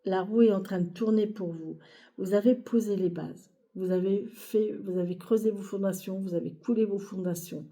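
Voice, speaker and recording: A woman's voice: medium pitch, fairly even intonation, normal speed, mellow. A woman giving a weekly tarot reading to camera, speaking to viewers in a reassuring way and hesitating often with fillers and repeated phrases. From France. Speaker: tarot reader.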